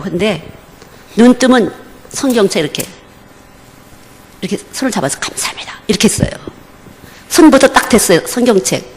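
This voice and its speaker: A woman missionary preaching a sermon at a church service, with emphatic, repeated short phrases. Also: mid-range voice. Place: church during a Wednesday service. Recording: reverberant church hall.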